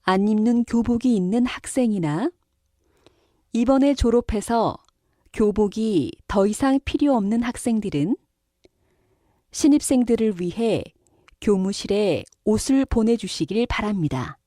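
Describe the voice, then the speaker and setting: Slow, deliberate woman announcer, dry studio sound. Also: fairly high pitch, expressive, mellow, dry recording. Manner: polite, formal, carefully enunciated. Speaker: announcer reading exam listening passages. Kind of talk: scripted public announcement for a language listening test.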